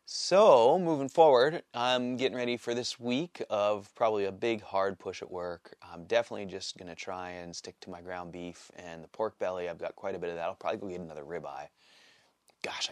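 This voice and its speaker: A man in his late forties giving a casual, rambling vlog update, halting often with fillers and restarts. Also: deep voice, no echo. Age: 40s. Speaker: vlogger. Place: small cold workshop shack.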